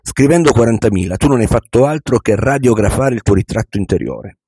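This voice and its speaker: A man voicing a wise, calm older millionaire who patiently teaches a young man, read as an audiobook. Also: fairly low pitch, slightly rough, dry recording, clean studio sound, full character voice. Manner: patient, measured, instructive. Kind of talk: audiobook reading.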